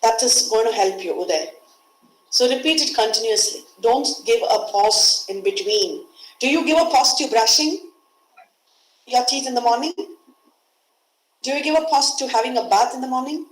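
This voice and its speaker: With a fairly high pitch and moderate pace, a woman with an Indian English accent patiently explains English pronunciation in a webinar, repeating key words often. Her video-call audio sounds roomy and poor.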